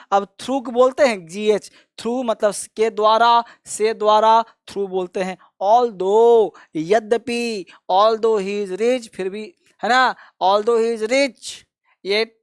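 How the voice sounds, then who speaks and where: A man's voice: high-pitched, no echo. Patient man drilling a lesson, dry sound. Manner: repeats each rule over and over, coaxing students; fond, familiar address to viewers as friends and kids. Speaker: spoken English teacher. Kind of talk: classroom lesson explanation.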